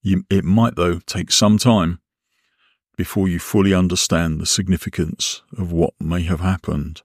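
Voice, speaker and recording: A low-pitched man leads a guided visualisation. He speaks in a measured, instructional manner, leaving deliberate pauses between phrases. The sound is dry, with very little room in it. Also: steady tone, no echo. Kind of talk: guided relaxation and visualisation narration.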